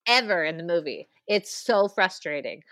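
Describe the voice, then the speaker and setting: A woman co-hosting a podcast in casual chat, animated and ranting, with quick asides and laughs. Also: lowish voice, no echo, studio quality. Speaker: podcast co-host.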